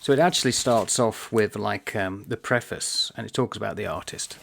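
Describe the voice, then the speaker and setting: A middle-aged man talking about books in a thoughtful, unhurried way, pausing often as he muses aloud. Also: lowish voice, vocal fry, a bit bright. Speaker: book vlogger. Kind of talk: reflective book vlog talk.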